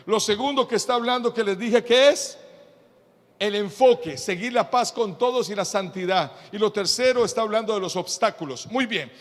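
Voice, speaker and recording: High-voiced pastor preaching in an echoey hall. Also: male voice. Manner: animated, telling humorous anecdotes. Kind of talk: sermon. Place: church in Panama.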